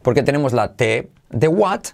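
A man's voice: medium pitch, lively intonation, moderate pace, vocal fry. Guy teaching english phrases, upbeat, repeats every line a bunch. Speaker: English teacher, channel host. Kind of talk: podcast lesson in Spanish.

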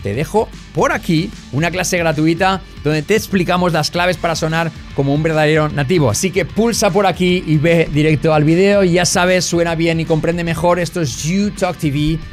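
A man's voice: a little high, fairly even intonation, moderate pace, soft background music. A man who speaks Spanish natively, teaching English pronunciation in a lesson and drilling words in threes for the viewer to repeat.

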